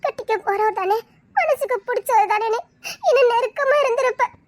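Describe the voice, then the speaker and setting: A woman playing a sobbing, betrayed young student with a very high voice. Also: moderate pace, a bit bright. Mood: tearful reproach. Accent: Tirunelveli Tamil. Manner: sobbing, accusing and reproachful. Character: young female student, heartbroken, betrayed and tearful. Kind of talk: Tamil melodrama acting.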